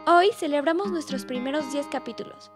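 A woman host giving scripted documentary narration in a clear, measured storytelling manner. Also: high voice. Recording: music bed under narration. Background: guitar music.

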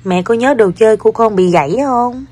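A woman's voice: on the high side, a little fast, a little mellow. A mother with a Quảng Nam Vietnamese accent, playfully coaxing and teasing her child at home. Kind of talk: casual family chat. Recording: noisy home recording with clicks.

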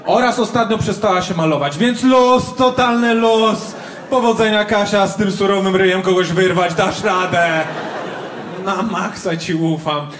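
A man doing a stand-up routine in front of a live crowd. He talks loudly and acts out shouted quotes. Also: high voice, normal speed. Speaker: stand-up comedian. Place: large comedy venue with live audience. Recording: echoey venue with audience noise.

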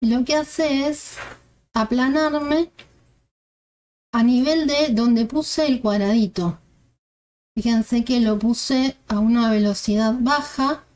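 A woman's voice: fairly high pitch, slow, long pauses, darkish tone. A woman, walking through a game tutorial step by step and thinking aloud as she works. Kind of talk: screen-recorded game tutorial.

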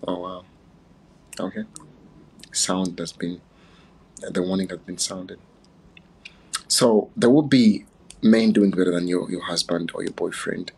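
A man's voice: low voice, fairly even intonation, a little slow, creaky, pauses often, darkish tone, husky, poor audio. A man from Uganda hosting a casual, playful livestream chat on his phone, chatting and laughing often. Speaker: livestream host.

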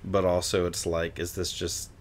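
A man with a fairly low voice talks through a book in a loose, rambling way. He swears freely and chuckles as he goes. It sounds like an easygoing chat between podcast co-hosts. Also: monotone, normal speed. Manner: rambling, profane, laughs while recapping. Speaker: podcast co-host. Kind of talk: casual book discussion.

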